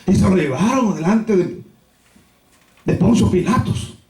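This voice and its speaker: Animated male pastor preaching in a church. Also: high voice, unhurried, vocal fry. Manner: animated storytelling, rhetorical repetitions. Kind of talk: sermon. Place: church sanctuary. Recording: echoey church from a distance.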